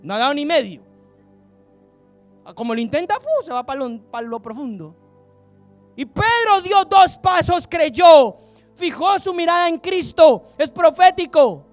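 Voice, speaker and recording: Fiery high-voiced male preacher. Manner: fiery, exhorting, rhetorical questions, bursts of shouting. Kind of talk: impassioned sermon.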